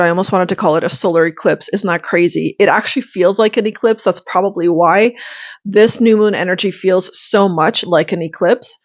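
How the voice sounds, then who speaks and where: A woman's voice: medium pitch, dull audio. A woman spiritual coach with a slightly congested voice, talking earnestly to camera in a flowing, meandering way. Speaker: spiritual self-mastery coach. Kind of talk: casual spiritual talk to camera.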